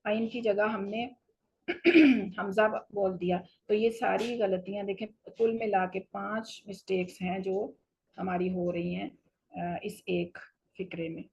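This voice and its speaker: A woman teaching a Quran recitation lesson, explaining patiently and slowing down for each recited example. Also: mid-range voice, fairly even intonation, gravelly, a little mellow, slightly rough, low-quality recording. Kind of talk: tajweed lesson.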